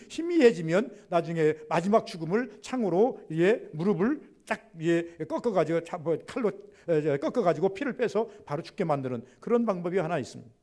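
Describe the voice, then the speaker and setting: A middle-aged male pastor preaching a sermon. He asks the congregation questions and answers them himself, and he acts out quoted speech with strong rises and drops in loudness. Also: high voice.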